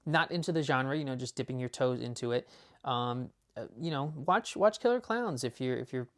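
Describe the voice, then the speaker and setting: Male collector host, casual unboxing chat, rambling and enthusiastic, heavy on fillers. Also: medium pitch. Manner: talks fast at times. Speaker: movie collector showing his discs.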